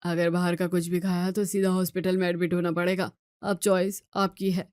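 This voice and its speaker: A woman's voice: fairly low pitch, level tone, normal speed, a little mellow, dry recording, close to an everyday voice. Woman doing a strict male doctor, commanding, dry close sound. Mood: stern. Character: stern male family doctor.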